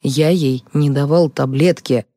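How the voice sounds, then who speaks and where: A woman reads a self-justifying, guilt-ridden male psychologist; low, slow, mumbling. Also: fairly even intonation, warm tone, dry recording, clean studio sound. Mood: defensive. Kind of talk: audiobook character reading.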